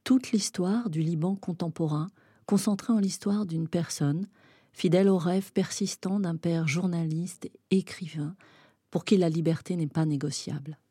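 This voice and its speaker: A woman reading a novel excerpt aloud in a dramatic, intense way, rising to loud shouting in the heated passages. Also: lowish voice, normal speed, breathy edge, no echo, clean studio sound. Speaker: reader.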